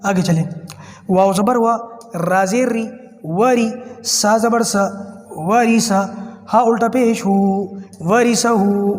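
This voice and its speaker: A man teaching Quran reading, drawing out each syllable in slow spelling drills between quick explanations. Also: high-pitched, steady tone, reverberant, long reverb tail, soft background music. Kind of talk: spelling lesson for learners.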